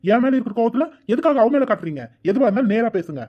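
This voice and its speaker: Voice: medium pitch, expressive, rapid-fire, lightly acted. Voice actor as a defiant young cartoon son. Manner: protesting, argumentative. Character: young man, defiant son standing his ground. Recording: dull lo-fi audio with faint music.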